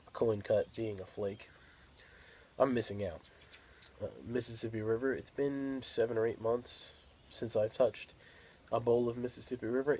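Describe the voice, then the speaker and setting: An American man talking in a casual, rambling monologue, unhurried and musing, like a hobby vlogger. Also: on the low side, warm tone, low-quality recording. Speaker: pipe tobacco vlogger. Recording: outdoor insect and cricket noise.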